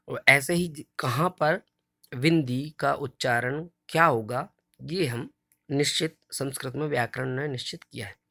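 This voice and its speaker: A man's voice: mid-range voice, creaky, fairly bright tone, dry recording, clean studio sound. A man teaching a Sanskrit lesson to children, reciting verses syllable by syllable and explaining patiently. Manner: slow, drawn-out recitation of each syllable.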